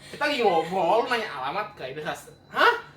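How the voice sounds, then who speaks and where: Casual male chatter, Jakarta Indonesian accent, r pronounced as w, bright voice, English words mixed in, roomy echo. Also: sits high, big pitch swings, brisk. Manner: mixes English words into speech. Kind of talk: casual group chat. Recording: roomy echo, distant mic, faint noise.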